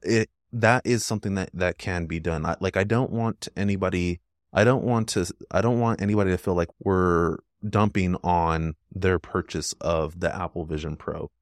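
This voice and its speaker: A man's voice: sits low, moderate pace, dry recording, studio quality. A man speaking as a podcast guest and app developer, talking casually and rambling with frequent "like" fillers.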